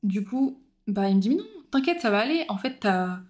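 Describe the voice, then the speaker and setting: Telling a story on a podcast she co-hosts, a young woman chats casually at a medium pitch and brisk pace. She's animated and acts out quoted voices.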